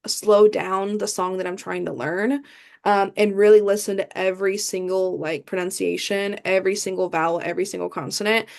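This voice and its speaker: Speaking in a creaky, medium-pitched voice, a young idol performer from the American Midwest answers an interviewer's questions as a guest. Her replies are chatty and packed with fillers and restarts.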